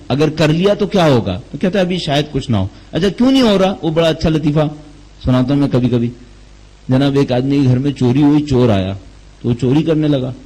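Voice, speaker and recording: A man's voice: fairly high pitch, darkish tone, poor audio. A man delivering a Quran commentary lecture, asking rhetorical questions and telling anecdotes to make his points. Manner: rhetorical questions, tells jokes as examples. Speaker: religious lecturer.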